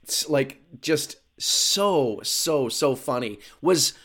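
A man hosting a podcast interview, upbeat and quick to laugh in casual chat. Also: mid-range voice, animated, fairly bright tone. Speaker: podcast host.

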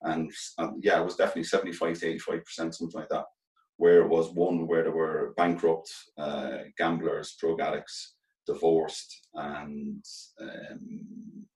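Far from the microphone in an echoey room, a former pro footballer turned coach speaks as a reflective interview guest with a bass voice, level tone and slightly mellow quality. He's a middle-aged man with a Galway accent from Ireland's west. He talks earnestly but haltingly, circling back over phrases as he thinks aloud.

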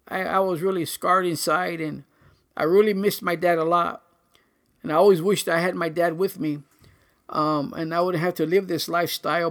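An older man giving a personal church testimony, earnest and halting, with many pauses and fillers. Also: high voice, fairly bright tone.

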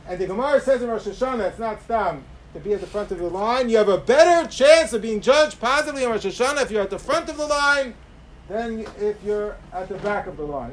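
A high-voiced man delivers a rabbi's Torah lecture. His delivery is emphatic, rising on key phrases and dropping into softer asides. There is clear noise behind the recording. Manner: emphatic, swinging between raised stress and softer asides. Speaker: rabbi giving a religious talk. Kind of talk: sermon, Torah lecture with Hebrew quotations.

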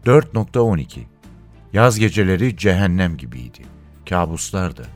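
A low-voiced man reads a crime novel aloud for radio, with a lively and expressive rise and fall. His delivery is measured and dramatic, and his voice sinks quietly at the close of many sentences. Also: soft background music. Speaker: radio reader. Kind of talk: dramatic audiobook narration.

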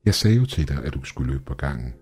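A man voicing a cheerful, eerily strong female nurse with a high, sugary sweet voice in a horror story. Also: big pitch swings, a little mellow, husky, faint music behind, exaggerated voice.

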